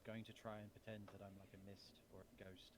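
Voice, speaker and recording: A man's voice: on the low side, flat delivery, brisk, a little hiss or hum, rough recording. A man playing a tabletop game, thinking aloud and hesitating over his moves. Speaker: player. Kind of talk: casual tabletop game play.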